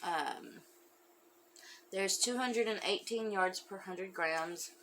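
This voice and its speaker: A woman's voice: mid-range voice, takes it slowly, a bit bright, a little hiss or hum, poor audio. A woman hosting a crafting podcast, chatting casually with lots of fillers, and sounding a bit congested. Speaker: podcast host. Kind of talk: casual chat.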